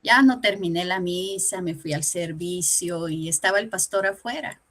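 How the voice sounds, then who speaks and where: Bright-voiced woman sharing a church testimony. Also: fairly low pitch, normal speed. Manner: animated storytelling with acted dialogue. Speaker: church teacher giving a testimony. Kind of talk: personal testimony in a Bible lesson.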